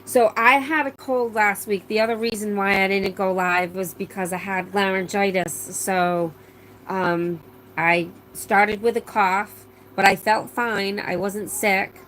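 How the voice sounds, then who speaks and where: Her mid-range voice is a bit bright, fairly even in intonation and a little slow. She's a middle-aged woman hosting a live stream, chatty and rambling as she reads out viewer comments, full of fillers and restarts, still slightly strained after laryngitis. Rough recording, slight background noise.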